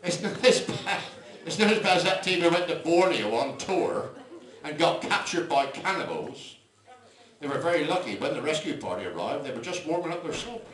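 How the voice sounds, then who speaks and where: A man's voice: fairly high pitch, lively intonation, normal speed. Older Englishman telling jokes live. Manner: chatty, dry one-liners, rambling asides. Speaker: stand-up comedian. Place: live comedy venue. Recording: echoey club, mic at a distance, loud crowd. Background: audience laughter.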